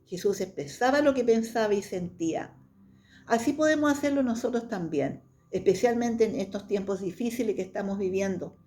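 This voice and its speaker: A woman's voice: medium pitch, lively intonation, moderate pace, mellow. A woman giving a devotional Bible lesson, speaking earnestly and reading scripture passages aloud between her own reflections. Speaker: Bible teacher.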